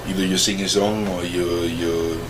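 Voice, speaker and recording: Deep-voiced German man recalling his youth. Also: flat delivery, background noise. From East Germany. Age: 40s. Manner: halting, searching for English words, chuckles often. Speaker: interviewee. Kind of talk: oral history interview.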